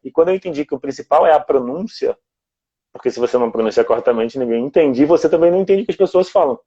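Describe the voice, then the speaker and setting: A man's voice: a little high, expressive, rapid-fire, warm tone, slightly rough, muffled recording. A man from Brazil in casual conversation as a guest, explaining things step by step in a reflective way.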